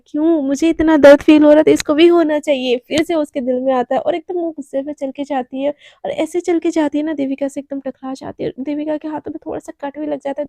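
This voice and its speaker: A woman tells a serialized romance story in a casual, chatty way, full of little fillers. Her voice is high yet mellow in tone. The recording is dry and close. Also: no room sound.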